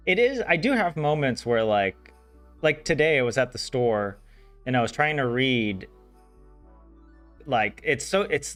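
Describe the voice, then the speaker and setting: A man streams a language study session, chatting casually while translating, rambling with frequent laughs and restarts. His voice is mid-range and a bit bright.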